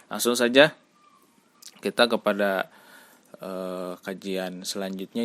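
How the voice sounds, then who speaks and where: A man teaching Arabic grammar in a slow, patient lesson, repeating the rules and quizzing his listeners. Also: on the low side, a bit bright. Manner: patient and repetitive, drawing out examples, quizzing listeners. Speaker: religious teacher.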